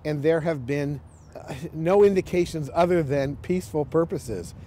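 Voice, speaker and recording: A man gives an assured, explanatory interview as a local official. His voice sits a little high, with a dark, mellow tone and faint noise in the background. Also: measured pace.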